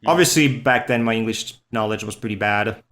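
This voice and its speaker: A lowish, fairly bright male voice, fairly quick in pace. The speaker, a Swiss Italian-accented man whose first language is Italian and who speaks English non-natively, is a podcast guest and furry artist. He chats casually in an interview, easygoing, rambling and self-deprecating.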